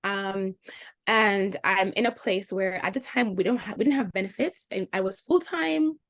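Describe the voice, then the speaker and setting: At a normal speed, a young Jamaican woman tells her stories as a guest in a casual interview. She's animated throughout, her pitch springing up on the reactions she quotes.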